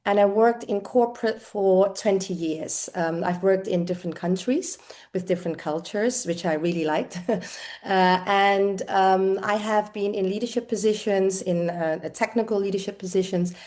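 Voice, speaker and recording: A woman's voice: medium pitch, normal speed, darkish tone. A middle-aged woman from the Netherlands, an executive coach, answering interview questions in a thoughtful way with frequent fillers.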